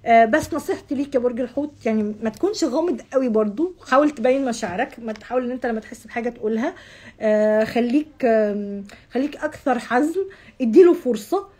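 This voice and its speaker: Her fairly high, breathy voice is rough and husky, hoarse from shouting, with a dark tone as she rattles off a casual monthly horoscope. The speaker is an Egyptian astrology channel host with an Egyptian Arabic accent, filming in a home room before a curtain. She is chatty and repetitive, addressing viewers directly and gesturing as she talks.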